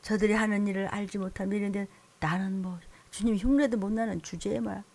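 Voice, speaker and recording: Gravelly woman preaching with sudden whispers. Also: mid-range voice, steady tone, fairly quick. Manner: dramatic swings from loud scolding to hushed whispers. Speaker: pastor. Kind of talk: sermon.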